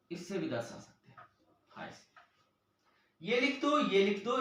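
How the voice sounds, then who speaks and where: A man teaches a maths lesson and explains each step to the children, calling on them again and again. His voice sits high and swings widely in pitch. It comes from some way off the mic, in a room with a strong echo. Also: a bit bright, distant mic.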